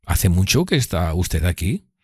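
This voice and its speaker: A man's voice: deep voice, big pitch swings, measured pace, darkish tone, husky, no room sound, clean studio sound, exaggerated voice. Brief: a stiff, prideful young man in a storybook, clipped and bristling replies, as a male narrator reads him. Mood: curt. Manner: curt, terse, bristling. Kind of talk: audiobook dialogue.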